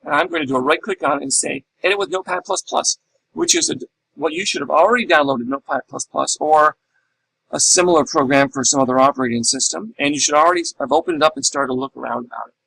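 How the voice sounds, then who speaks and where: A man's voice: on the high side, wildly swooping pitch, fast, vocal fry, bright, forceful tone, slightly rough, rough recording. A middle-aged man teaching a class in a recorded lecture, explaining step by step and asking and answering his own questions. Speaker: instructor.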